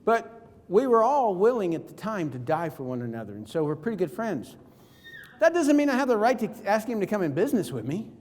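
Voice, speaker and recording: High-voiced energetic man in a hall. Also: fairly quick. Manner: energetic, jokey, acts out phone calls. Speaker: network marketing speaker. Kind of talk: motivational seminar talk. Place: conference hall. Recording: reverberant hall.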